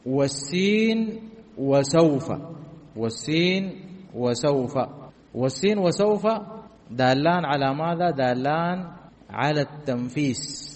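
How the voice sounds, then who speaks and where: A man's voice: fairly high pitch, animated, unhurried, long pauses, in a large hall. A man teaching a grammar lesson, who puts questions to his class and answers them himself while repeating the key points.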